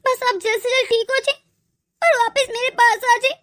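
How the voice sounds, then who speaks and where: A woman's voice: very high-pitched, fairly even intonation, moderate pace, a bit bright. A woman voicing an emotional young wife and devoted daughter in a cartoon story, often stammering over her words. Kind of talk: cartoon voice acting.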